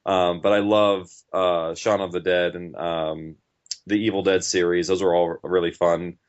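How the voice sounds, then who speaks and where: Slightly slow and low, with little pitch variation, a podcast writer-director rambles in an informal, enthusiastic way as a casual interview guest. The recording is dull and lo-fi.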